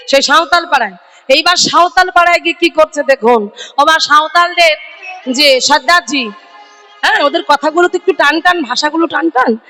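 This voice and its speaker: Bright high-voiced woman kirtan storyteller. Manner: dramatic, calls out to the audience. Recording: echoey hall with music behind.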